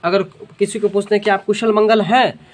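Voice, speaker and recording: A man's voice: high voice, steady tone, a little fast. Male coaching teacher drilling students. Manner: keeps checking if students follow; drills students by call and response. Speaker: general knowledge teacher. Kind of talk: exam coaching class with memory tricks.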